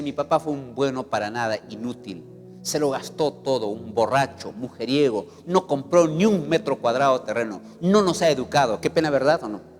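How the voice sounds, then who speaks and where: A male pastor preaching a sermon, emphatic and acting out little scenes. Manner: emphatic preaching, sweeping pitch, acts out scenes. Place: church hall. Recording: reverberant church hall with faint music.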